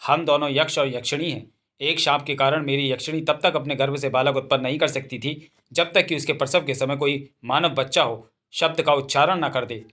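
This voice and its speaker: A man's voice: mid-range voice, fairly even intonation, a little fast, fairly bright tone, natural voice. A man voicing a solemn male yaksha spirit who speaks in a formal, lofty way.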